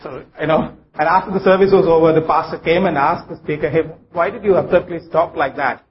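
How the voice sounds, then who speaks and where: A man with a South Indian English accent preaching a sermon in church, speaking haltingly and repeating phrases for emphasis, on a muffled, noisy live recording. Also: a little high. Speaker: guest preacher. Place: church service.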